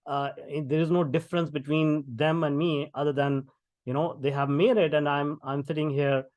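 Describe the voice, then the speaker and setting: Appearing as a podcast guest, this middle-aged Indian tech founder talks in a conversational style, often restarting and using fillers, with an Indian English accent. His higher voice is fairly even in intonation, a little mellow and at normal speed, and the recording has no echo.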